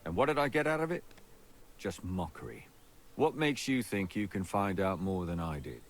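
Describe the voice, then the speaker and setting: An actor playing a hungover, disgraced older scribe in a video game, weary and gruff. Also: male voice, deep voice, lively intonation, moderate pace. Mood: bitter.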